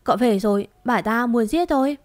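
A woman's voice: fairly high pitch, brisk, darkish tone, no echo, clean studio sound, natural voice. A woman voicing a frightened young woman who has been accused of murder and pleads defensively. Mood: pleading.

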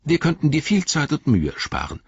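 Brief: man playing a wary young hobbit, higher husky voice, slow and careful, audiobook. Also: huge pitch swings, dry recording, dull audio, heavily acted. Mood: careful cunning. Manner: deliberate, measured.

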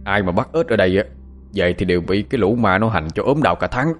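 A man voicing a frightened young village man who talks fast and stammers as he pleads. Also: on the low side, lively intonation, faint music behind, close to an everyday voice. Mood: anxious pleading.

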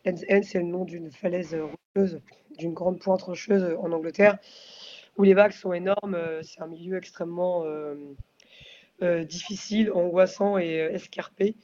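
A woman's voice: on the low side, fairly even intonation, moderate pace, warm tone. A woman who sings in a band answers an interviewer, weighing each phrase and filling gaps with hesitant fillers. The sound is a little dull and muffled. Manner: thoughtful, searching for words with many fillers. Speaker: singer of a post-metal band.

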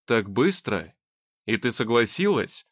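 A man's voice: medium pitch, sing-song, unhurried, dry recording. A man playing a sardonic young guy. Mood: wry. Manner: dry sarcastic.

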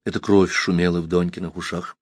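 Low male audiobook narrator, expressive dramatic reading, dry close sound. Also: a little fast, no echo.

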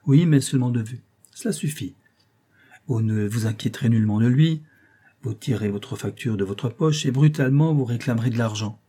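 A man's voice: medium pitch, moderate pace, mellow, breathy edge, lightly acted. A man reading an audiobook, voicing a scheming male mastermind who gives orders in a cool, commanding manner. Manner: commanding, coolly instructive.

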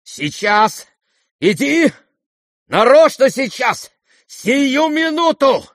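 A man voicing an irascible aristocratic older woman who scolds and shouts imperiously in an audiobook. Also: very high voice, sing-song, extremely slow, dry recording, clean studio sound, pitched above the performer's own voice, heavily acted. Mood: agitated. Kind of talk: audiobook character voice.

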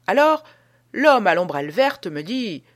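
A woman reading an audiobook as an old male prison guard telling an uncanny tale, with a dramatic, hushed delivery. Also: mid-range voice, big pitch swings, unhurried. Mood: spooked. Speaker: audiobook reader.

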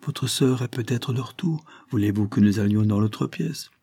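A man voicing a gentle, loving young noblewoman in an audiobook. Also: lowish voice, normal speed, creaky, breathy edge. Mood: tender.

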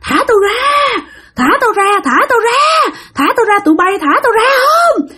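A woman's voice: very high voice, big pitch swings, normal speed, sharp tone, shouting, pitched above the performer's own voice, heavily acted. A woman voicing a possessed young woman who screams and curses to be set free, in a spoken ghost story. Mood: frenzied. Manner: screaming, crying out.

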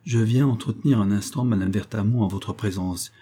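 A man's voice: on the low side, fairly quick, dark tone, slightly rough. A man reading the part of a bold young cavalier lover, gallant and theatrical, in an audiobook.

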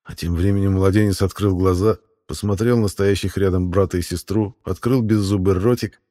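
A man's voice: low voice, moderate pace, clean studio sound. Man narrating a fantasy audiobook. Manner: steady storytelling read. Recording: long hall reverb.

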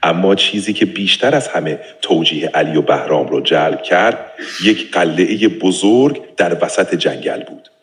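Synthetic male assistant, very low register, smooth and steady, gently telling a bedtime story.

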